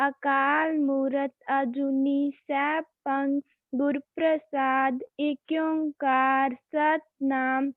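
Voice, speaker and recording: Woman, high-pitched, slow rhythmic chant, tinny phone-line sound. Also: dry recording. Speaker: student reciting prayer. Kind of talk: chanted recitation. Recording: phone-like dry online call.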